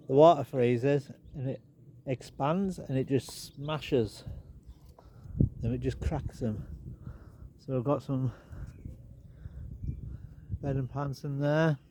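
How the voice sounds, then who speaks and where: There's slight background noise as a garden vlogger with a mid-range, stuffy nasal voice wanders his garden outdoors, filming on a handheld phone. His casual walk-and-talk is chatty and rambling, sprinkled with relaxed asides.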